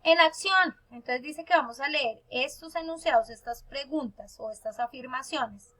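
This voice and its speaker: A woman's voice: sits high, moderate pace, fairly bright tone. A woman teacher giving a recorded online lesson to her pupils, explaining step by step and checking in with her listeners.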